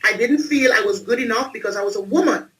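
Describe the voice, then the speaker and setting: A woman's voice: a little high, quick pace, far from the mic, a little hiss or hum, poor audio. A woman from Trinidad and Tobago, telling her life story emphatically as an interview guest on a video call. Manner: emphatic, repeats phrases for effect. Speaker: guest, entrepreneur and speaker.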